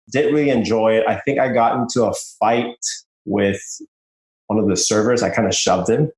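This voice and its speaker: Young male guest from Malaysia, mid-range voice, loose storytelling manner, echoey room sound. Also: medium pitch. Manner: relaxed, frequent fillers and short laughs. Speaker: podcast guest, business owner. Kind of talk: casual interview. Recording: roomy echo.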